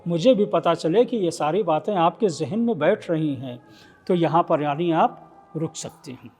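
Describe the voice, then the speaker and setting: A man with an Indian Urdu accent, a maulana teaching Quran recitation rules. He explains, quizzes the listeners and breaks into slow melodic chanting. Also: on the high side, expressive, a little mellow, breathy edge, soft background music. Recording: long reverb in a hall.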